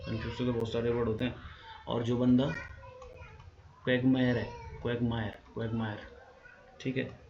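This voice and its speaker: A man's voice: mid-range voice, darkish tone. A man with an Indian accent teaching English vocabulary in a casual lesson. He repeats each word several times and spells words out letter by letter. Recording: dull lo-fi sound with clear background noise.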